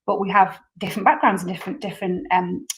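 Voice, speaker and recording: This podcast host talks fast as she introduces her guest in a casual interview, rambling earnestly with plenty of repeated words. Her mid-range voice is a bit bright, with fairly even intonation. The recording quality is low.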